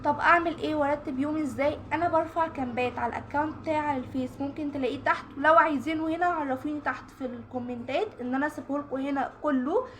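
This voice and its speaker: A woman's voice: high-pitched, very fast, a bit bright, a little hiss or hum. A woman with an Egyptian Arabic accent giving direct study advice to the camera in a casual vlog. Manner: direct, coaching, talks straight to the viewer. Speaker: study-tips vlogger.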